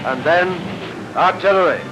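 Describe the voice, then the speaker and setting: A man narrating a 1940s newsreel in a brisk, declamatory announcing manner, with the sound of an old newsreel. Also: high-pitched. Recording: dull lo-fi 1940s newsreel soundtrack under loud music.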